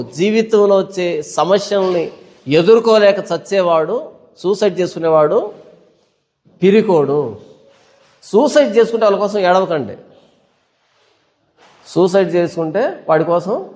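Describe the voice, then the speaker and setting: A man's voice: high-pitched, darkish tone. A male pastor preaching a sermon, emphatic, firing rhetorical questions at the congregation. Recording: long hall reverb.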